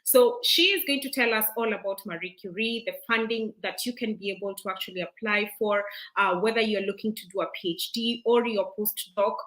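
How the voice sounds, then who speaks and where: A woman's voice: mid-range voice, fairly quick, fairly bright tone, low-quality recording. A woman from Kenya hosting a live online interview, chatty and eager, with many fillers and restarts. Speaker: host.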